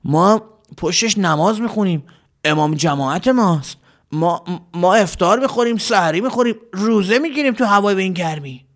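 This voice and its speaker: Guy playing a naive young village lad, stammers a lot, earnest, a bit high. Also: lively intonation. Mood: defensive. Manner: stammering, hesitant.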